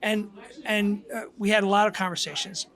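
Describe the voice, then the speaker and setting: High-voiced older man telling stories. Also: steady tone, fairly quick, fairly bright tone. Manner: storytelling, reflective, with frequent restarts. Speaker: guest author. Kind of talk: casual podcast conversation.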